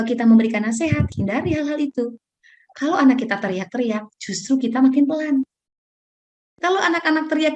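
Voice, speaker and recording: A woman answering a parenting question on a video call, calm and advisory, sometimes acting out a soft-spoken parent talking to a child. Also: medium pitch. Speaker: parenting speaker.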